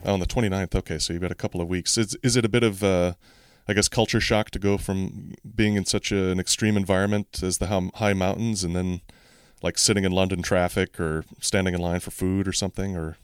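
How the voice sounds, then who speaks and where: A man's voice: low voice, flat delivery, a little fast, clear, resonant tone. A man hosting a podcast, reading a scripted intro and then asking questions with some hesitation and repeated words. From United States. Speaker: podcast host. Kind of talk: casual interview, scripted intro.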